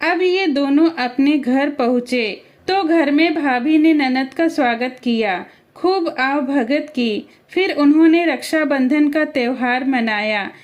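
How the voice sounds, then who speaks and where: Slow high-voiced woman storyteller. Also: muffled recording. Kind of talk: scripted narration.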